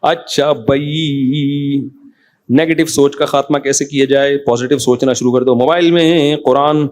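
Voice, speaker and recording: A man in his role as a cleric, giving a casual religious talk with an animated, conversational delivery that rises in pitch for emphasis. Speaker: Islamic cleric answering questions.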